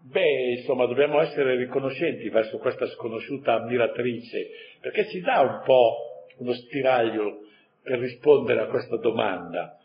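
A man's voice: medium pitch, moderate pace. Man teaching catechism, dull recording. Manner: conversational, with rhetorical asides and chuckles. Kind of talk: catechesis talk.

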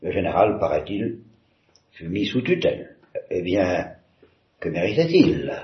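A man's voice: low-pitched, big pitch swings, unhurried. A man reading a novel aloud, voicing a bitter, tormented young man who swings from wry irony to anguished outbursts. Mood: grim, bitter. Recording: roomy, slightly dull.

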